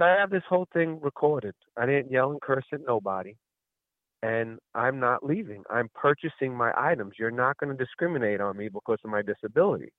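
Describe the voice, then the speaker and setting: A man's voice: mid-range voice, no room sound. A male caller on a radio call-in show, telling a long story and acting out what each person said. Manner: rambling storyteller who acts out quoted exchanges. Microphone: telephone. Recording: tinny phone line, dry.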